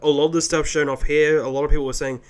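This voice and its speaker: A man's voice: on the high side, little pitch movement, rapid-fire. A man co-hosting a podcast in casual chat, with dry quips. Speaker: podcast co-host.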